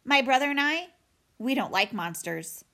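A woman's voice: high voice, animated, normal speed, bright, forceful tone, pitched above the performer's own voice, heavily acted. A storybook bully of a young bear, acted out by a woman reading aloud. She is a bossy older sister with a sarcastic edge. She sneers and taunts as she talks. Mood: menacing.

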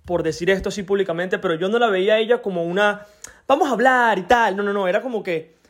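High-voiced man hosting a podcast. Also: quick pace. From Venezuela. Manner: chatty storyteller, keeps checking in with the listener. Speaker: podcast host. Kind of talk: casual podcast monologue.

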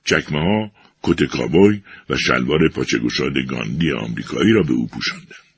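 An older man narrating an audiobook in an expressive storytelling manner. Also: extremely low pitch, creaky, husky, no room sound.

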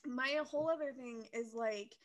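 A woman's voice: fairly high pitch, normal speed. A young woman co-hosting a podcast, chatting casually and ranting heatedly, with a lot of swearing. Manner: animated, swears, heated rants with quoted voices. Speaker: podcast co-host. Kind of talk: casual chat.

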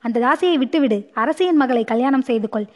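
Stern queen mother, scolding, impassioned, voiced by a woman, high voice, audiobook story, dull lo-fi sound. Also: expressive, fairly quick. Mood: reproachful. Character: proud grieving middle-aged queen mother, stern.

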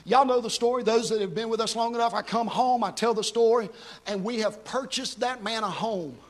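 High-voiced man preaching a fervent sermon. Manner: impassioned preaching with sung, drawn-out phrases; repeats words when telling stories. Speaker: pastor. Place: church.

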